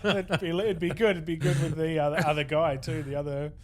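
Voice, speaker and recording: A man's voice: on the high side, flat delivery, fairly quick. A man with an Australian accent co-hosting a podcast, mostly chiming in with short agreements and dry quips. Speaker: podcast co-host. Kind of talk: casual chat.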